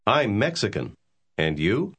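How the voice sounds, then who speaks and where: A man with a somewhat low, husky voice speaks extremely slowly, giving short drill phrases for learners to repeat. His pitch moves a lot between words, and every syllable is carefully enunciated. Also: sing-song, a bit bright. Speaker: English model speaker. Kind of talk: slow repetition drills for learners.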